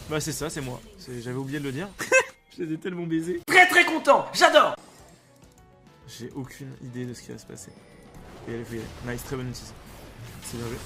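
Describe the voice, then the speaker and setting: A man giving excited live commentary on his own game play, excitable and swearing freely, bursting into shouts. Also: medium pitch. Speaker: streamer playing an online battle game.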